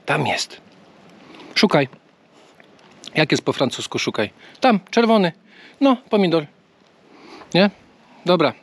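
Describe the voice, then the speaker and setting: A travel vlogger talks casually from a bike trail outdoors, chatty and easygoing, even coaxing a bird in a friendly way. His fairly high voice is very animated and unhurried, with frequent pauses.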